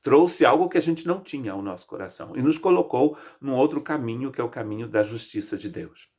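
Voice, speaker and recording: A man's voice: medium pitch, animated, fairly quick, a little mellow. A man in his fifties from Brazil with a Brazilian Portuguese accent, preaching a sermon as pastor in an emphatic way, stacking repeated phrases. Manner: emphatic, lists phrases in rising repetition. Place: church.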